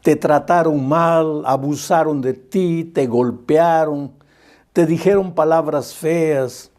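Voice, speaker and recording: A man's voice: on the high side, takes it slowly, a little mellow. An older man preaching a sermon with passion, acting out the voices of the people he quotes. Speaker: pastor.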